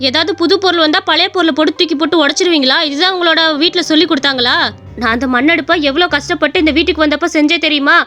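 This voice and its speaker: A woman doing a shrill upset village daughter-in-law. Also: steady tone, fast talker, fairly bright tone. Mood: indignant. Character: elder daughter-in-law, hardworking stove maker. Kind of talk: cartoon story voice acting.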